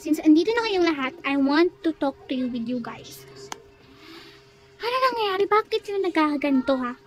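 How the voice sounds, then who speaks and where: A woman's voice: high-pitched, animated, normal speed, faint music behind. A woman voicing a strict, exasperated female schoolteacher in a toy role-play, scolding her pupils. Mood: lecturing. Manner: scolding, demanding. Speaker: teacher figure. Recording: crowd noise behind.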